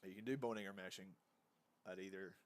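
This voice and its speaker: A man's voice: low-pitched, fairly even intonation, brisk. A man, hungover, rambling through a casual animation tutorial at his computer, often correcting himself. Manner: rambling, self-correcting, easygoing. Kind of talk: casual screen-recorded tutorial.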